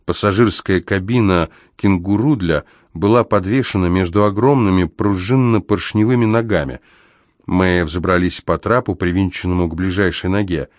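Male audiobook narrator, very deep voice, dry close recording, measured storytelling. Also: no room sound. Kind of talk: first-person audiobook narration.

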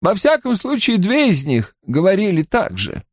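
A man's voice: sits high, wildly swooping pitch, normal speed, no echo, clean studio sound, voice pushed up, exaggerated voice. A man reading an audiobook, voicing a stern, weary grey-haired old woman who scolds and speaks guardedly. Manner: scolding then tired and guarded. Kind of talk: audiobook character voice.

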